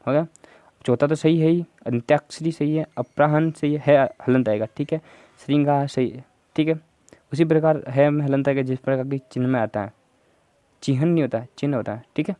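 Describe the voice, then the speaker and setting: A man with a Rajasthani accent teaches Hindi grammar for exam prep, going through each answer option step by step. His voice is mellow and relaxed, recorded dry and close. He keeps nudging viewers to answer quickly. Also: medium pitch, dry recording.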